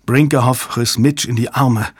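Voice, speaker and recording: Male audiobook narrator, husky, dry studio sound. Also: mid-range voice, fairly even intonation, normal speed, dry recording. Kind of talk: scripted narration.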